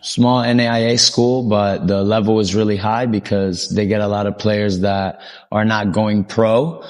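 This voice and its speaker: Low-voiced Colombian-born man telling his story. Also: a little slow. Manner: relaxed, rambling with frequent ums. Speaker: soccer coach, interview guest. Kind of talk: casual interview storytelling.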